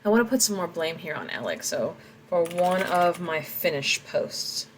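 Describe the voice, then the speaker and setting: Woman author reading and editing aloud, low voice, reflective, light background noise. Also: big pitch swings, normal speed, low-quality recording. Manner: reflective, talks through her edits. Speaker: author editing her own story. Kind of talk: reading aloud and commenting on edits.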